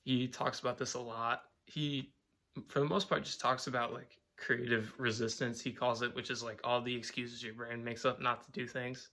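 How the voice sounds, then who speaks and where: A young male vlogger rambles to camera at home in a casual monologue, swearing a lot and filling his speech with "like." His voice is medium-pitched and flat, at a normal pace, with a bright, forceful tone.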